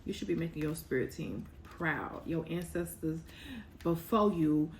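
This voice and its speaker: A young woman doing a casual tarot reading, blunt and animated, teasing and scolding her viewers. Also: low-pitched, measured pace, a little hiss or hum. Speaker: tarot reader.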